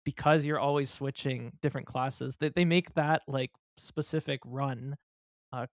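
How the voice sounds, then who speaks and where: A man talking as a podcast panelist in casual chat, halting with restarts and "like" fillers. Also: medium pitch, fairly even intonation, no room sound, clean studio sound.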